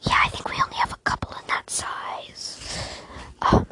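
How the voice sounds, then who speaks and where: A woman's voice: moderate pace, pushed and bright, natural voice. A woman voicing a friendly female clothing store salesperson in a whispered role-play, with casual fillers. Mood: helpful.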